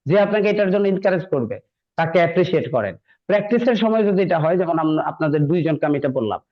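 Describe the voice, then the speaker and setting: A man teaching an English class in a chatty, encouraging way, often repeating himself. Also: a little high. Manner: conversational, encouraging, repeats phrases. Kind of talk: classroom lecture. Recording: dull lo-fi recording.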